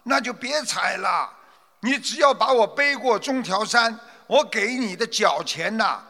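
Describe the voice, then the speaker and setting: A man voicing a stubborn, impatient male merchant who scolds loudly, in a storytelling reading. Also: high-pitched, expressive, long reverb tail, pitched above the performer's own voice, full character voice. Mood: coaxing. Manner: loud, scolding, quick-tempered.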